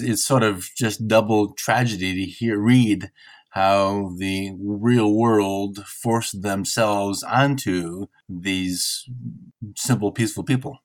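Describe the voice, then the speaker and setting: A man hosting a casual interview, asking long rambling questions with many restarts. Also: lowish voice. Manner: rambling, hesitant, restarts a lot. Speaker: podcast host.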